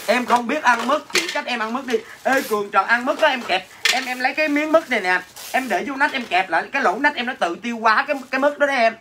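A man with a Southern Vietnamese accent selling snacks in a comic livestream, teasing viewers and brashly answering their comments. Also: high-pitched. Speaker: livestream seller. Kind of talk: comic livestream sales banter. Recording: noisy with clattering dishes.

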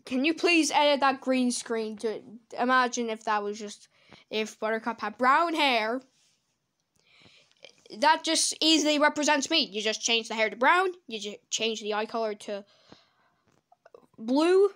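A woman giving casual reaction commentary on videos, blunt and crude, swearing freely with sudden loud outbursts, into a desk microphone. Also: on the high side, expressive, measured pace.

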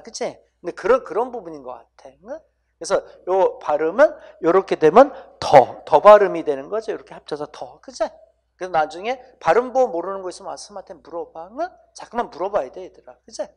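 Casual lecturing teacher, mid-pitched voice, talks down familiarly to students and keeps tagging "right?". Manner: addresses students directly, coaxing them to repeat sounds. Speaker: English grammar teacher. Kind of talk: exam-prep lecture.

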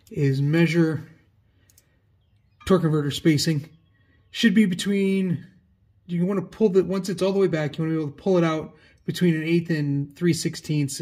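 A man with a slightly high, husky voice gives an informal walk-through of a DIY mechanic job. He sounds matter-of-fact and casual, explaining each step as he works in a garage. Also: darkish tone. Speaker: DIY mechanic filming a build. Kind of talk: casual hands-on explanation to viewers while working. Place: garage workshop, working on a car. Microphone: camera set near the engine, off the speaker.

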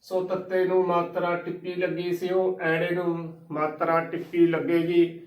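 A man from Punjab, patiently teaching pronunciation by spelling each word letter by letter and repeating it slowly. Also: sits high, monotone, highs cut off. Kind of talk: slow spelled-out recitation lesson. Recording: echoey room, voice from a distance.

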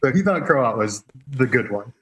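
This guest expert, a man with a husky, mid-range voice, talks through history at a moderate pace over a video link. His manner is easygoing, and he laughs softly now and then while explaining.

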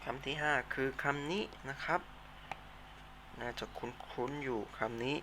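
A man's voice: mid-range voice, measured pace, a bit bright, a little hiss or hum. A Thai-accented male teacher explaining vocabulary in a patient classroom lesson, repeating words for students to say back. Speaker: Chinese teacher.

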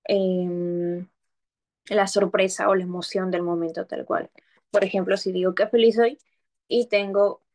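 A woman's voice: mid-range voice, darkish tone. Patient woman teacher explaining grammar. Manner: patient, explaining step by step with examples; checks understanding often with "¿ok?". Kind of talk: online grammar lesson.

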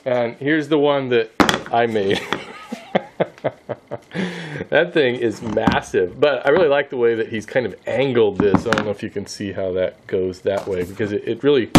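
A man's voice: medium pitch, unhurried, pauses often, background noise. A man in his forties, a woodworking channel host, chatting casually and laughing often while holding the camera at arm's length in his home wood shop. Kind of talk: casual vlog chat. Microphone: handheld camera at arm's length.

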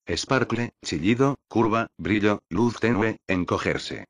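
A man with a low, deep voice gives slow, measured audiobook narration. The sound is dry and close, with no room around it, and the reading stays steady and unhurried. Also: no room sound.

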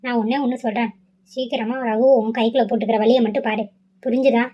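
A woman's voice: little pitch movement, quick pace, breathy edge. Woman voicing a bossy scheming mother. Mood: nagging, scheming. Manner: low, nagging, insistent. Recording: slightly dull lo-fi audio.

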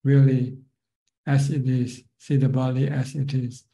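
An older Buddhist monk with a Thai accent, calmly explaining Dharma on a video call. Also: male voice, mid-range voice, creaky, rough recording. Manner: calm, measured, plain explanations. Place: plain room, seated in office chair.

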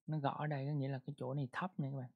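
Flat-voiced teacher. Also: medium pitch, slightly rough, dull audio. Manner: repeats words, reads English examples slowly. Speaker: English pronunciation teacher. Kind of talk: casual online lesson.

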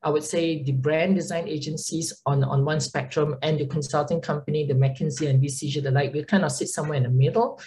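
A woman with a Singaporean accent, a consulting partner, presents a webinar on a video call in a chatty, conversational way, with frequent "right?" tags and "um" fillers. Her voice sits low and is dark and steady, a little fast with few pauses. The recording is rough.

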